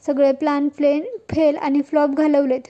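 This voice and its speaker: A woman voicing a proud, sharp-tongued mother-in-law who speaks in a dry, scolding way. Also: high-pitched, little pitch movement, moderate pace, dull audio, close to an everyday voice.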